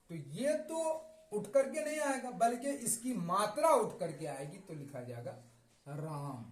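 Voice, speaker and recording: A man with a high, animated voice walks learners through letters and how they join into words. He talks slowly and patiently and says every example word again and again. His voice bounces around an echoey room. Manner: slow, repeats each word to drill it. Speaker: Hindi reading teacher. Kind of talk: classroom-style explanation.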